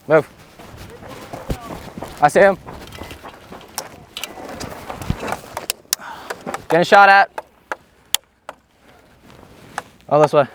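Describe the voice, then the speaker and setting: A man playing airsoft outdoors, shouting over gunfire with urgent, short commands to his teammates. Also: on the high side. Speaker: airsoft player. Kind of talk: team call-outs during an airsoft game.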